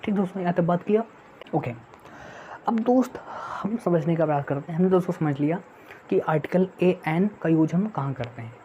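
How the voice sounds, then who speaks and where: A woman's voice: fairly low pitch, a little fast, warm tone. A woman teaching English grammar in an online exam-prep lesson, often asking the viewers rhetorical questions and repeating her points. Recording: dull lo-fi sound with faint noise.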